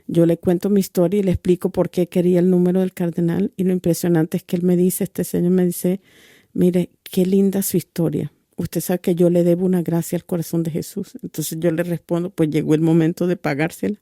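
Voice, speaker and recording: Flat, dark-voiced woman giving testimony. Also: fairly low pitch, a little fast, no room sound, clean studio sound. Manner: earnest storyteller who acts out quoted dialogue. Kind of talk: religious testimony storytelling.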